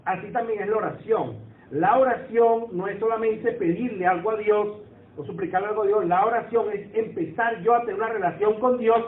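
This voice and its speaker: High-voiced preacher on a tinny, echoey line. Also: male voice, a little hiss or hum. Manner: conversational, asks the congregation for agreement. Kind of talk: sermon. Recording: echoey room over a tinny phone-like line.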